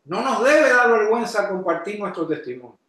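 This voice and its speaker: High-voiced preaching man in an echoey church. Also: very animated, a little fast. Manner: preaching with sudden shouted emphasis; addresses congregation with questions. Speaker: pastor. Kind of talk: sermon.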